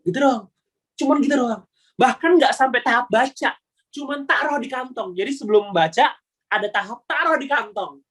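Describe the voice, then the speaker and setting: A man's voice: very high-pitched, normal speed, slightly rough. Young man chatting in slang. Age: young adult. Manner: slangy, animated, acts out quoted voices. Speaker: webinar speaker. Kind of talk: casual storytelling talk.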